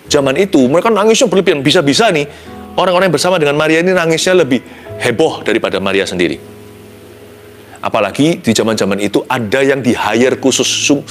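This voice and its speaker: Man, pastor, devotional sermon, slightly high voice, expressive swings, mixes in English phrases, faint background music. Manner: expressive, swings between soft low tones and sudden high exclamations.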